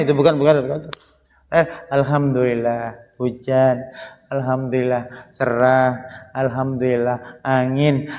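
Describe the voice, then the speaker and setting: A man preaching a humorous sermon, animated and joking, his tone swinging up and down. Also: on the high side. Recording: long hall reverb.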